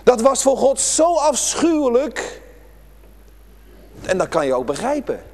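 Male pastor, sermon delivery, lively sing-song swings from emphatic to hushed, long church reverb. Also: very high-pitched, a little slow, faint music behind. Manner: dramatic, swinging from raised emphasis to hushed near-whispers.

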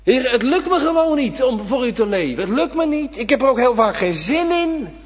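A man preaching a sermon, impassioned, swinging from loud appeals to hushed whispers, in a church. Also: extremely high pitch, big pitch swings, moderate pace. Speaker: pastor. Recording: reverberant church hall.

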